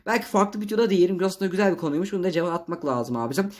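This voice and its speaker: A man giving casual, chatty gameplay commentary as a gaming YouTuber, excitable and slangy. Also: high-pitched, racing.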